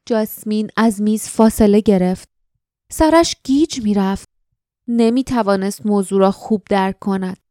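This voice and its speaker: Woman reading an audiobook, calm storyteller, smooth voice, dead dry room. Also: medium pitch, no echo. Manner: steady, literary storytelling. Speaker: audiobook narrator. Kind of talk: scripted narration.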